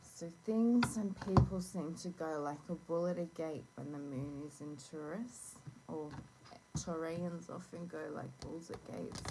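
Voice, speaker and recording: A woman with a low voice and a sore throat leads a casual oracle card reading at a slow pace. She meanders and pauses as she gives gentle instructions. It is recorded on a phone with clearly audible noise. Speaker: tarot and oracle card reader hosting a reading. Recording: noisy phone recording with clicks.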